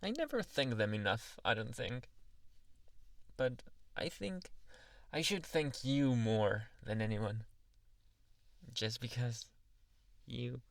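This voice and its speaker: A man playing a shy, tender boyfriend in a soft, halting, intimate ASMR role-play, teasing and adoring. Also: mid-range voice, animated, gravelly, dry recording. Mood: fond, reminiscing.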